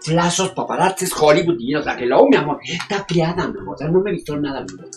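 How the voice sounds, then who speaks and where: A woman voicing a loud, vain diva actress who name-drops and talks down to everyone, over faint background noise. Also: sits low, animated, quick pace. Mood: snooty. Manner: loud, brassy, name-dropping, fussy.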